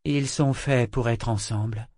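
A living ship's figurehead speaking thoughtfully in a woman's role, as a male narrator plays her. The delivery is calm and the sound is dry and close. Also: mid-range voice, unhurried, dry recording, close to an everyday voice. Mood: pensive. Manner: pensive.

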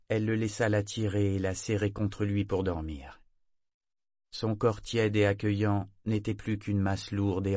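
Man, audiobook narrator, low voice, dry close recording, measured delivery. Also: a little mellow, no echo. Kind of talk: scripted novel narration.

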